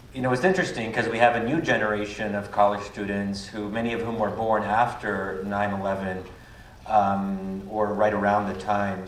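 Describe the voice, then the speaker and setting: A man in his thirties, a guest at a public panel, speaking reflectively with many "um"s. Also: fairly low pitch. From United States. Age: 30s. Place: public event hall. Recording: echoey hall, mic at a distance, faint noise.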